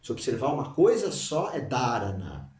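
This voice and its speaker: A man teaches meditation in a relaxed, conversational manner and now and then breaks into chanted syllables. His voice sits in the middle range. He sounds a little distant from the mic, in an echoey room. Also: mid-range voice, moderate pace. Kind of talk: informal spoken teaching.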